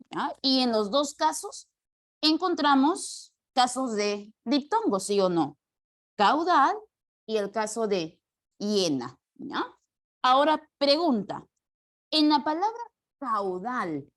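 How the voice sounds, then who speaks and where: Woman, teacher, classroom lecture, questioning the class, higher voice. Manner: explanatory, asks the class questions.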